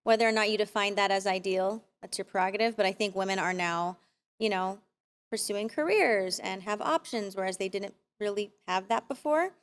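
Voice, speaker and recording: A woman's voice: medium pitch, normal speed, smooth. A woman in her thirties from Arizona, a podcast guest talking candidly and reflectively about her life and faith. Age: 30s. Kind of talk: casual conversation.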